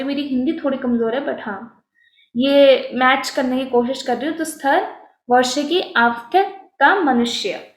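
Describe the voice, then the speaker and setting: A woman's voice: high-pitched, reverberant. A woman with an Indian accent, teaching an online vocabulary lesson, explaining word meanings and correcting herself as she goes. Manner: explains in mixed Hindi and English, self-correcting.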